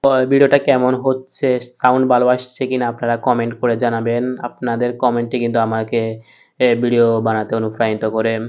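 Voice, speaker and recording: A man with a Bangladeshi Bengali accent teaches Quran reading and spells each word out slowly before he chants it. His voice is smooth and clear, with a narrow, level pitch and an unhurried pace. The recording sounds a little dull and muffled. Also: monotone, darkish tone. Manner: slow drawn-out chanting of Arabic syllables between quick explanations. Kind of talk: spelling-out Quran recitation lesson.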